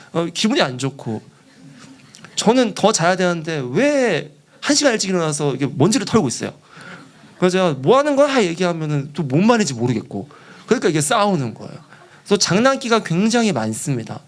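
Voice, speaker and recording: A young man preaching as a junior pastor in a church, telling a story with animation, acting out quoted voices and laughing along. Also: a little high. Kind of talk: storytelling sermon.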